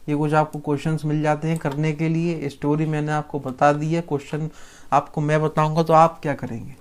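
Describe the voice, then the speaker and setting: A man's voice: a little high, darkish tone. A man teaching a class, mixing English into his explanation and acting out lines from a play. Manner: mixes English into his talk, acts out lines.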